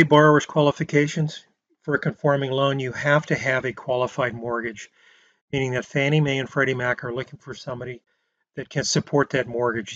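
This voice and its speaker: A real estate instructor lectures on home loans over slides, explaining plainly while often restarting sentences and using filler words. His voice is medium-pitched and a bit bright, recorded dull with no echo.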